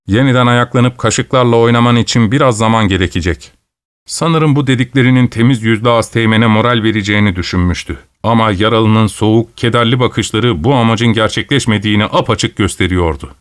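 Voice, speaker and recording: A man's voice: medium pitch, no echo. Dry-voiced male audiobook narrator. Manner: measured, literary storytelling.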